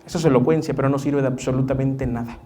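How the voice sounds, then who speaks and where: A man's voice: medium pitch, quick pace. A man preaching a sermon as pastor in a church, acting out the voices of churchgoers as he goes. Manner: acts out quoted voices of churchgoers, lively preaching.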